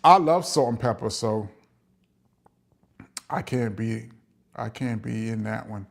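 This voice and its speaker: A man's voice: fairly low pitch, slow pace, creaky. A middle-aged man with a New York accent, hosting a casual live chat and reading out viewer comments, chatty, with frequent "um" fillers and laughs.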